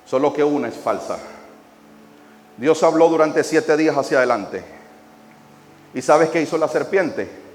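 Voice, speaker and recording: A man preaching a sermon, leading the congregation to repeat his words and swinging from quiet drawn-out phrases to shouted emphasis. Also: fairly high pitch, expressive, a little hiss or hum. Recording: echoey hall.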